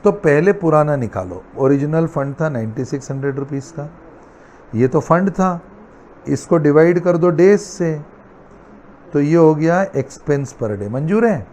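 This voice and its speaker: A man's voice: a little high, animated, a little slow, a little mellow, a little hiss or hum. A middle-aged man teaching a math class, telling a playful story and acting out its characters. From India. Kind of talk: classroom lecture.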